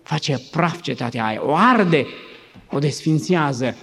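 A man's voice: fairly high pitch, animated, gravelly, a bit bright. A male pastor preaching an emphatic, dramatic sermon in a church. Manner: emphatic, dramatizing with acted voices.

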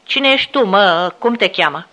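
A woman voicing a brutal, cursing male security officer who snarls and shouts insults. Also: medium pitch. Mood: snarling.

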